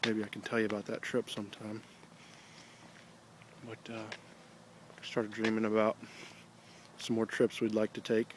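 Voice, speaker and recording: An American man talking casually with a pipe in his mouth, rambling in a halting, reflective, unhurried way. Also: lowish voice, completely flat delivery. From Ohio, United States. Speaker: video blogger. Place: outdoors on an evening stroll. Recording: noticeable background noise, ambience.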